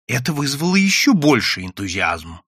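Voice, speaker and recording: A man reading an audiobook story aloud in an expressive, dramatic way. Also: mid-range voice, normal speed, breathy edge, dry recording, clean studio sound. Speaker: audiobook reader.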